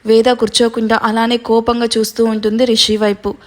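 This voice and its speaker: Woman storyteller, higher voice, flat steady narration. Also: brisk.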